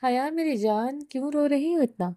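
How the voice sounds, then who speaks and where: Lady reading as a hard mafia boss guy, firm and pressing, highish mellow voice, storybook reading. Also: no room sound, clean studio sound, lightly acted. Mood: stern, pleading. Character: ruthless young mafia boss man, tender to wife.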